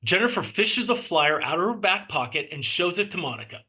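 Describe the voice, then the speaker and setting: Narrating a screenplay, a man swings widely in pitch, his fairly high voice forceful and husky. Scene headings are clipped short, and stage directions come in measured phrases.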